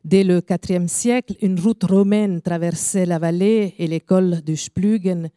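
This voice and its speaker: A woman with an Italian accent, speaking as an invited guest, delivers a careful, measured formal talk with small pauses. Her voice sits low and warm. The sound is close and dry. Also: fairly even intonation, no room sound. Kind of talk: formal speech to an audience. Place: evening event venue.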